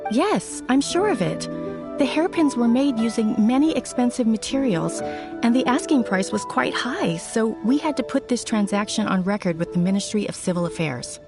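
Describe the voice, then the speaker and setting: Friendly young shopkeeper. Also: female voice, fairly high pitch, animated, moderate pace, music in the background. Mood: helpful. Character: friendly young woman shop broker.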